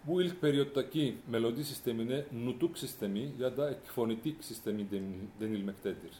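Measured, halting male lecturer in a hall. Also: medium pitch, dark tone, slight background noise. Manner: measured, halting with fillers and self-corrections. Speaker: lecturer on music history. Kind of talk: academic lecture, partly read aloud.

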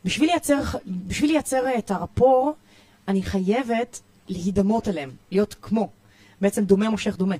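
Woman, Israeli accent, youth coach, energetic, emphatic lists, dry close sound. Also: medium pitch, no echo. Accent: Israeli Hebrew. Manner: energetic, repetitive, emphatic listing. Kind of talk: podcast interview, giving parenting tips.

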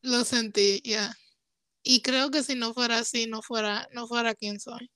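Emotional young woman, high dry voice. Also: steady tone, a little slow, sharp tone, no echo. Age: young adult. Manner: emotional, candid, switches into English phrases. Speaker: podcast guest. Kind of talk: casual conversation.

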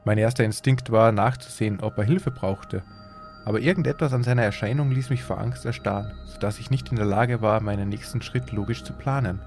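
A man hosting a podcast, reading a horror story aloud in a measured, suspenseful way. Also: fairly low pitch, darkish tone, soft background music. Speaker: podcast host and story reader.

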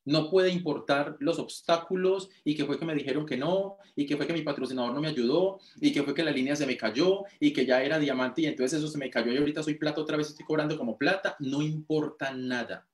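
A man's voice: on the high side, a little fast, hardly any pauses. A Colombian man giving a motivational talk, telling his own story with emotion and repetition. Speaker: motivational speaker. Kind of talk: personal testimony storytelling.

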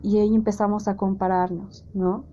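A young woman hosting a podcast, giving gentle, conversational advice and often acting out inner voices. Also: medium pitch, level tone, moderate pace, lo-fi sound, slight background noise. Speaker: podcast host. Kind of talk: casual advice monologue.

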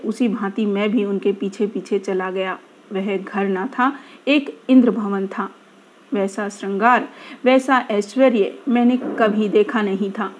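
A woman reading aloud a literary first-person story in a measured way, often dropping to a quieter tone. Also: mid-range voice.

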